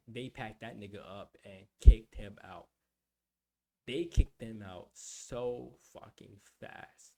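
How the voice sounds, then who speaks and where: A man's voice: on the low side, darkish tone. A young adult man streaming, telling a rambling, profane story in casual chat.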